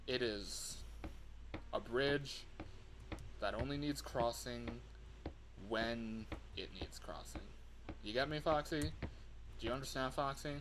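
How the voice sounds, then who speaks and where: A livestream host and game developer chats casually while demonstrating a game he is making, thinking aloud and repeating phrases. His voice is medium-pitched with a fairly bright tone, and clicking can be heard in the clear background noise.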